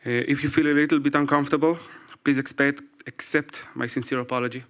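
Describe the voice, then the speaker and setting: On an event stage before a live audience, a man in his forties with an Israeli accent, a native Hebrew speaker, reads a prepared talk from his phone. He goes carefully, pausing and apologizing, in a steady, mid-range voice that's a bit bright.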